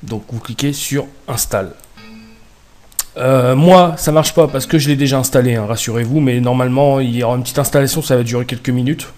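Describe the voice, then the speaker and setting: A man from France talks through a software installation step by step, casual and unscripted. He hesitates often and corrects himself as he goes. His voice sits at a middle pitch, recorded on a computer microphone. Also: fairly quick, faint music behind. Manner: hesitant, many fillers and self-corrections. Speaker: tutorial host.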